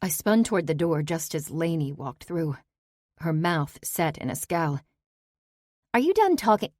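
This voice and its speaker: A woman's voice: sits low, fairly even intonation, a little slow, darkish tone, no room sound, studio quality. A woman reading a first-person audiobook in a tense, clipped narration.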